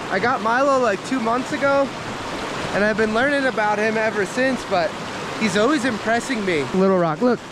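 A man's voice: high voice, heavy background noise. A man vlogging a hike with his dog, chatting casually and cheering the dog on, recorded outdoors by a creek. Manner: chatty, laid-back, talks to his dog. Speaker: hiking vlogger. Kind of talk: casual outdoor vlog narration. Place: outdoors by a rushing creek in pine woods. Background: rushing creek water.

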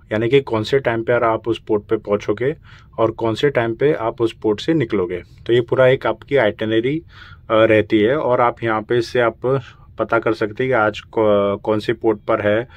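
A man's voice: lowish voice, fairly even intonation, normal speed, lo-fi sound. A young man from India, a cruise ship crew member, casually explaining his small cabin and bathroom step by step while filming on a handheld phone. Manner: explanatory, pointing things out step by step. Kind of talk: casual vlog tour.

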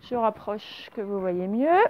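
A woman teaching young children a spelling and dictation lesson, speaking slowly and patiently and spelling words out letter by letter. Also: mid-range voice, animated, slight background noise. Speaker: primary school teacher. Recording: slightly dull, lo-fi home recording.

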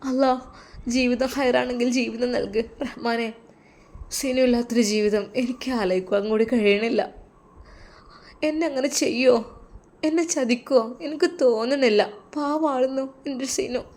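A woman voicing a heartbroken young wife in a storybook tale, pleading and softly sobbing, with a Malappuram Malayalam accent. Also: on the high side, moderate pace, natural voice.

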